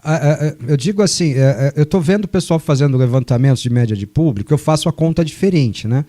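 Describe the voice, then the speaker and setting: A man's voice: a little high, fast talker, dark tone. A man hosting a radio sports show, chatting casually, joking and reading listener messages. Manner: chatty, joking, long explanations. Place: radio studio.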